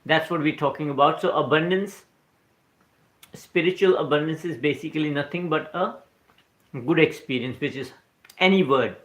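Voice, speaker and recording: Here the same kind of New Zealand livestream features a man with an Indian accent hosting a relaxed spiritual talk in his second language, English. He speaks at a normal pace with long pauses, in a slightly high, somewhat bright voice. Drifting between topics, he keeps tagging on "right?" and responds to incoming viewer comments.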